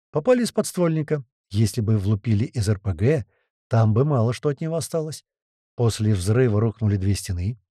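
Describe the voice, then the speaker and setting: A man telling a first-person story as an audiobook narrator, in a lively, vivid manner. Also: medium pitch, no room sound, studio quality.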